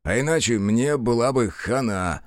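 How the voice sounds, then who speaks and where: A man voices a guilty, fawning young detective who pleads and wheedles with his partner, in a pleading mood. His medium-pitched voice is very animated at a moderate pace, pitched above his own natural voice yet close to everyday speech. The studio sound is clean, with no echo.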